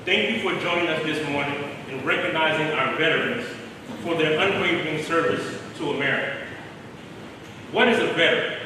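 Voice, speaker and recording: Man giving a solemn ceremony speech, slightly high voice, big echoey hall, mic far off. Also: noisy background. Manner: solemn, measured oratory. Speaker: keynote speaker. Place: large hall.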